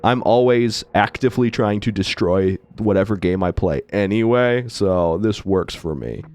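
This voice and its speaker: Over soft background music, a gaming channel host with a fairly low, slightly mellow voice talks at normal speed through a Let's Play, doing character voices. He is playful, rambling and self-mocking, and he's still recovering from losing his voice.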